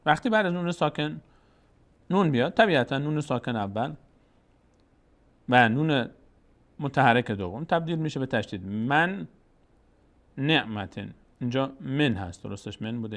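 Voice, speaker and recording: A man teaching Quran recitation rules step by step, slowly drawing out each example word. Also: medium pitch, gravelly. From Tajikistan.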